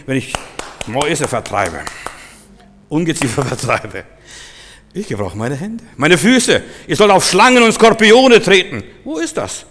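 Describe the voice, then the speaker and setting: Older preacher man, soft then booming. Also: in a large hall. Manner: swings between soft, low asides and loud, forceful commands. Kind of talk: charismatic sermon.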